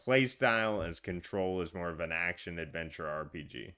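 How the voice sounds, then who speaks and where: Deep smooth-voiced male podcast co-host. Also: lively intonation, normal speed, pushed and bright. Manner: chatty, self-deprecating, rambling with fillers. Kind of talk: casual gaming podcast chat.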